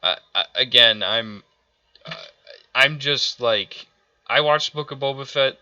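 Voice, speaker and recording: A man's voice: mid-range voice, slow, sharp tone, no room sound, muffled recording. A man ranting through a show review, exasperated and profane, stumbling over restarts as he vents. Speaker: video reviewer.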